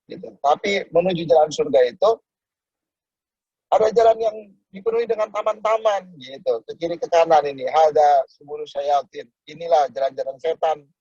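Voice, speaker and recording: A man giving a motivational network marketing talk over a video call, acting out little dialogues and jumping to sudden high exclamations. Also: lively intonation, fairly quick, darkish tone, slightly rough, dry recording, lo-fi sound.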